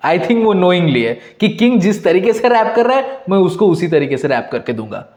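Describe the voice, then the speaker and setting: A man hosting a music reaction video, chatting excitedly, switching between Hindi and English and repeating lyrics back. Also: high-pitched, moderate pace. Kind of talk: casual reaction commentary. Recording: echoey room. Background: faint music.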